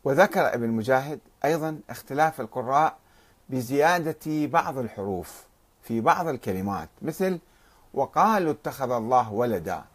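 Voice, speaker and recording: A man's voice: mid-range voice, husky. A middle-aged man giving an explanatory lecture, reading out paired word variants and citing sources. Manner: reads out paired word variants and cites sources, stressing each contrast.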